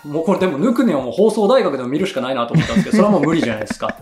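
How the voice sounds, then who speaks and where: Lively Kansai-accented man in an echoey room. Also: a little high, racing, loud music behind the voice. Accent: Kansai Japanese. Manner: slips into Kansai dialect, animated. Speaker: podcast co-host. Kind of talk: casual chat.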